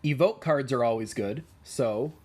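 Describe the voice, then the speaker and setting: A man with a Midwestern American accent explains card choices for a deck in a relaxed way, with many ums and uhs. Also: mid-range voice, a little slow. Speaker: deck tech host.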